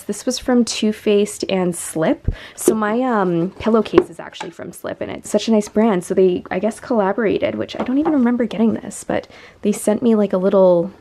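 A woman's voice: medium pitch, a little fast, gravelly, dark tone. A woman in her thirties chatting casually to camera as she tidies her beauty room at home, thinking aloud and gushing over things she finds. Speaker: beauty vlogger. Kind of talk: casual chat while tidying. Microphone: camera mic, moving around room. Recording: noisy home room recording.

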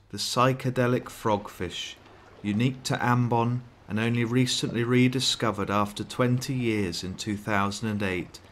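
A man's voice: mid-range voice, slight background noise. A man reading scripted narration in the style of a nature documentary.

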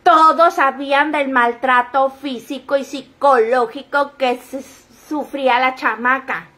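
A woman's voice: sits high, steady tone, unhurried, sharp tone. A woman hosting a gossip show, chatting and acting out what people said. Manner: chatty, acting out quoted dialogue with sudden outbursts. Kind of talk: casual gossip commentary.

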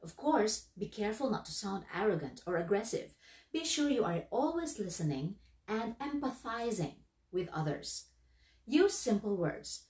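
Woman, instructor, animated pitch, echoey room, far from the mic. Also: moderate pace. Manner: lively, emphatic, instructive. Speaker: workplace skills instructor. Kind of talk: instructional narration.

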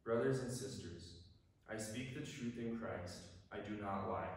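A man reading scripture as a lector at Mass in a measured, even cadence, his voice ringing with heavy church echo from a distant mic. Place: large church. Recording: echoey church hall, distant mic, faint rumble.

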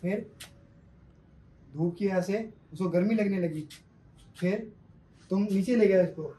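A man's voice: high voice, measured pace, warm tone, slight background noise. A man co-hosting a pet vlog, chatting casually and agreeing along with his friend. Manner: agreeable, echoes the host. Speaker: co-host friend.

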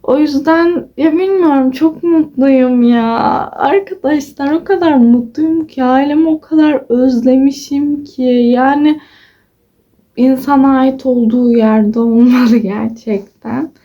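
On a muffled recording, a high-pitched woman in her twenties speaks unhurriedly in a steady tone. Chatting to followers in a casual vlog, she tells stories and acts out quoted dialogue, giggling along the way.

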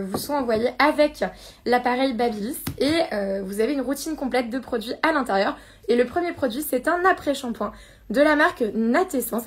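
A woman's voice: a little high, slightly rough. A woman hosting a casual live unboxing stream, chatting and giggling as she reads viewer comments aloud. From France.

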